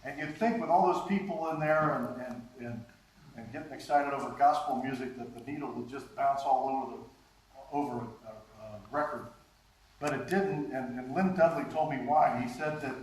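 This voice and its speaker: Captured from afar in a heavily reverberant conference hall, with a faint hiss underneath, a former radio and TV writer delivers an anecdote-filled slide talk as a guest speaker. His voice is on the high side, and he laughs frequently and stumbles into restarts.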